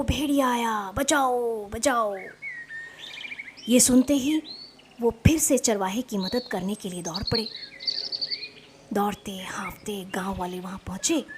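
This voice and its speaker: A woman narrating a children's story in a slow, expressive reading style. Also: mid-range voice, a little hiss or hum.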